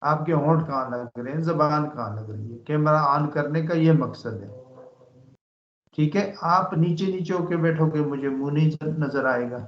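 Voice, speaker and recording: A man teaching online, drilling letter sounds over a video call, slow and patient, repeating each syllable with emphasis. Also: on the high side. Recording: dull lo-fi video call in an echoey room.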